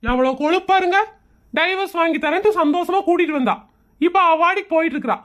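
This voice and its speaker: Comedy skit: man as sarcastic, fed-up husband, high-pitched voice, Kongu Tamil accent, argumentative and mocking. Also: animated, fast, a bit bright. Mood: exasperated complaining. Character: exasperated, sarcastic husband who mocks everyone around him.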